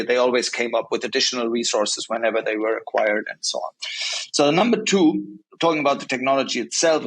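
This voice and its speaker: Male interview guest, mid pitch, walks through points in order and keeps checking in with "right?". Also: rough recording. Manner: explains point by point, often adds "right?". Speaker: guest, software company regional director. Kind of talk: casual interview talk.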